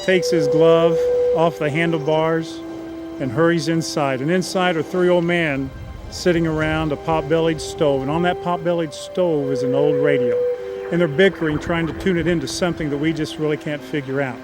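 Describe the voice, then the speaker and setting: A man's voice: on the high side, fairly even intonation, normal speed. A man, a screenwriter, casually telling the story of his screenplay scene by scene. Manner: casual, with fillers and restarts. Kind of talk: storytelling a film synopsis. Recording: music playing behind.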